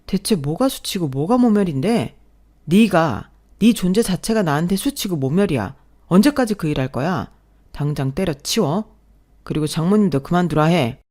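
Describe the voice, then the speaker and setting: A woman voicing a scornful, arrogant young husband in an audio story, talking down with loud contempt. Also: sits low, expressive, normal speed. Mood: angry.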